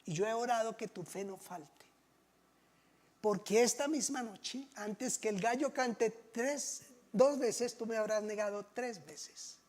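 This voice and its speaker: A preacher voicing a calm, gentle teacher. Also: male voice, sits high, slow. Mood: gentle warning. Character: calm, gentle male teacher, adult, warning a friend.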